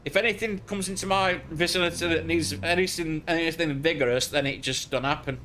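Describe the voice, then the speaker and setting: An English man in a slightly high register talks his way through a truck driving game. He keeps up loose, crude, joking banter with his co-player as he plays. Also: fairly even intonation, fairly quick, sharp tone, slight background noise. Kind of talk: casual gaming chat.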